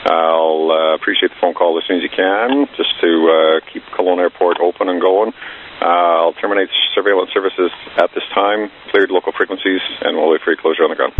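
Low-voiced male air traffic dispatcher on tinny radio. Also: steady tone, fairly quick. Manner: clipped, procedural dispatcher delivery. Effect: aviation radio. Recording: tinny radio transmission, faint hiss.

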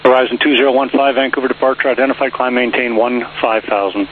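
Male controller, medium pitch, clipped radio phraseology, faint static behind. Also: little pitch movement, fast. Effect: aviation radio. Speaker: air traffic controller. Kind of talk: clipped radio air traffic instructions. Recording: tinny narrowband radio, hissing static.

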